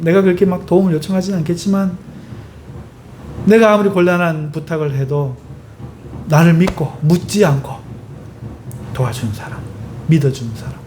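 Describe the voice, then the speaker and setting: A male pastor preaching a sermon, driving it with lively rhetorical questions and emphatic stress. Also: sits high, slight background noise.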